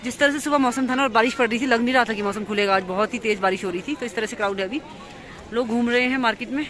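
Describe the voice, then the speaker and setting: Brief: Indian woman vlogger, rapid casual narration, repeats herself, phone mic, crowded outdoor market behind. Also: a little high, a bit bright. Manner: chatty, repeats herself, points things out to viewers. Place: outdoors in a busy market street. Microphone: phone camera without external mic. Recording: crowded outdoor street noise. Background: crowd and passing vehicles.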